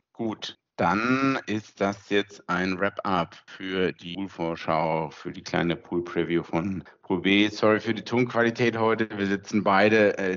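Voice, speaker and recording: A man hosting a casual podcast chat, hesitant with many fillers, heard through a low-quality recording. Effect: low-quality, muffled recording. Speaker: podcast host. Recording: muffled lo-fi recording away from home.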